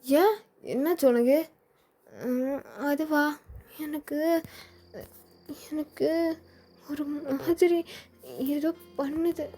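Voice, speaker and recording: A woman voicing a shy, sensitive teenage boy in a fan fiction voice-over, speaking softly and hesitantly. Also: sits high, steady tone, drawn-out words, pauses often, faint music behind, voice pushed up. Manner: soft, timid, hesitant.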